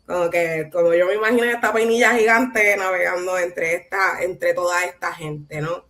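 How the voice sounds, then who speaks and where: A woman's voice: lowish voice, fairly even intonation, normal speed, a bit bright. Puerto Rican woman, conversational artist talk. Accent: Puerto Rican Caribbean Spanish. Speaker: visual artist, guest speaker.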